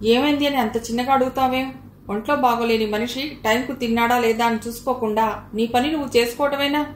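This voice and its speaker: A woman's voice: fairly high pitch, fairly quick, close to an everyday voice. A woman voicing a stern scolding mother. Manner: sharp, scolding. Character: stern middle-aged mother scolding her daughter. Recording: roomy recording, faint hiss.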